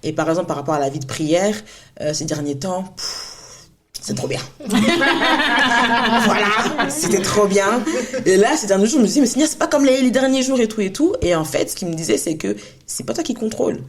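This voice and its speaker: A woman's voice: mid-range voice, animated, a little fast, a loud crowd. A woman in her thirties, co-hosting a faith podcast in an earnest, encouraging, casual way, with frequent laughs and restarts. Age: 30s. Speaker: podcast co-host.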